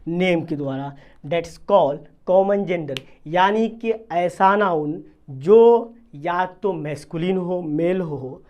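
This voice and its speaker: A grammar teacher talks through a video lesson in a steady, repetitive way. Each point is put to the class as a question and then answered. The English definitions are read out carefully, one word at a time. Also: medium pitch, takes it slowly. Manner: asks the class questions and answers them, repeating key terms. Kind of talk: classroom-style video lesson in Hindi mixed with English terms.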